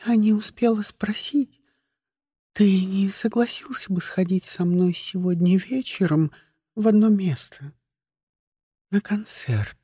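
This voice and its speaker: A man's voice: very high voice, expressive, normal speed, few pauses, no room sound, studio quality, voice pushed up, full character voice. A man voicing a small, timid egg-creature girl in a storybook reading, fretful and shy. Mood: shy whisper. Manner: fretful, then shy and hushed.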